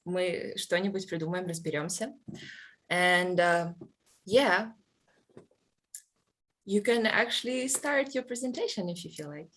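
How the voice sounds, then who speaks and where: Woman hosting a panel, kinda low voice, polite and a bit hesitant. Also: a little slow, pauses often, a bit bright. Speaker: moderator. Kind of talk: introducing a speaker.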